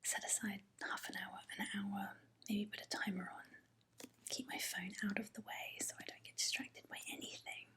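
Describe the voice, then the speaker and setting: A woman speaking in a hushed, breathy library whisper, softly chatting and reading aloud as an ASMR host. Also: mid-range voice, little pitch movement, moderate pace. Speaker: host of an ASMR book haul video.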